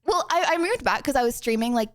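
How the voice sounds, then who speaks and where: A woman's voice: a little high, animated, quick pace, fairly bright tone. A woman, chatting casually on a stream, giggly and rambling. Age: 20s. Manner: giggly, rambling, lots of "like" and "bro". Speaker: streamer, host of the collab.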